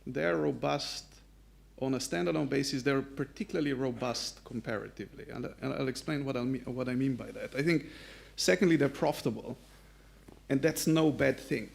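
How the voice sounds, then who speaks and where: A man with a strongly gravelly, fry-heavy voice speaks on a conference panel. He builds his case point by point with firm emphasis. His pitch sits in the middle range. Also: normal speed, a little mellow. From Slovenia. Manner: assertive, structured, emphatic.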